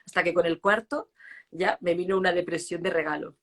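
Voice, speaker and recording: A woman's voice: lowish voice, fairly even intonation, brisk. A woman in her forties hosting an interview, speaking candidly and reflectively about her own life. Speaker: host. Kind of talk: casual interview talk. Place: live online stream.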